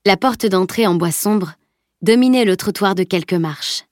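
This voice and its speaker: A woman narrating an audiobook in a calm, steady storytelling voice at a middle pitch. The recording is dry and close, with no room sound at all. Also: moderate pace, no echo. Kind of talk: scripted narration.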